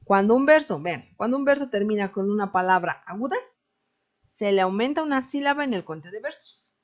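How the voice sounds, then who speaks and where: A woman's voice: mid-range voice, expressive, brisk, dull audio. A woman with a Mexican Spanish accent teaching a literature class, explaining patiently and often checking in with "¿no?". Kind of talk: recorded online class.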